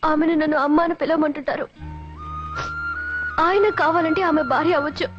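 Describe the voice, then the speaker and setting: A woman's voice: high voice, steady tone, brisk, music in the background, natural voice. A young woman playing a rich man's daughter who pleads and talks emphatically, on a dull film soundtrack. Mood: wistful.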